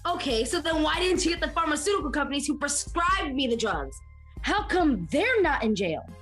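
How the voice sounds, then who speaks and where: A woman's voice: high-pitched, sing-song, normal speed, fairly bright tone, soft background music. A young woman playing a jailed woman with an addiction who blames the politicians, in a stage show. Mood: indignant. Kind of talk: youth stage theater.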